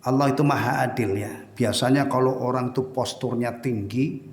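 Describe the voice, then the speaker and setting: A man's voice: medium pitch, normal speed. A man giving an informal sermon as ustaz, talking conversationally and putting rhetorical questions to his audience. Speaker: ustaz teaching a Islamic study session. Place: prayer room after evening prayer. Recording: echoey hall with long reverb.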